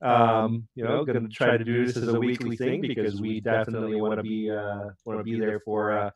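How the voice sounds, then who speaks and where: Excitable man hosting a podcast, roomy echo. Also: lowish voice, fairly quick. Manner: excitable, rambling, laughs often. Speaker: podcast host. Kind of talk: casual podcast chat.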